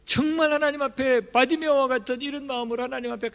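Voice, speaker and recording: A man preaching a passionate sermon in a church sanctuary, swinging between hushed and loud. His voice is very high with a gravelly fry. The church hall gives it a long reverb. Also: fairly even intonation, quick pace. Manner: impassioned, emphatic, swinging between soft and loud. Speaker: pastor.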